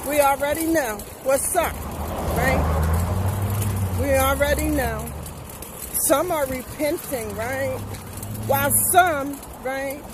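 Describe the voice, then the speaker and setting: A middle-aged woman vlogger walks along a street talking emphatically into a phone held at arm's length, repeatedly asking "right?" in a high voice. It's a casual monologue, and the phone audio carries outdoor traffic noise.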